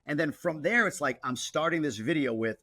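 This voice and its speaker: A man, a content creator guest, talking in a casual interview with an excitable, animated manner. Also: a little high, brisk, no echo.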